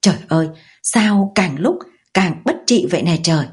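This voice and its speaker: A woman voicing a stern, sharp-tongued mother-in-law who scolds in a quick, shrill way. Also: lively intonation, husky. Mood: scolding.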